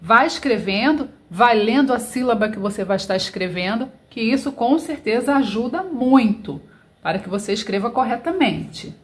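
A woman's voice: fairly high pitch, animated, moderate pace. A woman teacher, dictating sentences word by word and spelling out letters. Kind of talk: slow dictation lesson.

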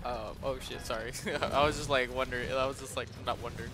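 A man's voice: medium pitch, fairly even intonation, fast. A young man in the middle of his range talks loosely over his game at home, rambling and cursing freely. He laughs often and keeps the chat easygoing. Game music plays behind his voice. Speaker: gaming video host. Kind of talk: casual gameplay commentary.

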